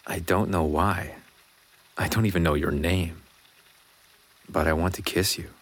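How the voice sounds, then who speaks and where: A deep-voiced American biker. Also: male voice, fairly even intonation, measured pace, husky, full character voice. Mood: intimate narration.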